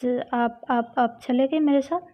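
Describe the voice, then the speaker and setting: A woman's voice: high voice, steady tone, unhurried. A woman voicing a shy young college woman who hesitates and stammers. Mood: flustered. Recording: dull lo-fi recording.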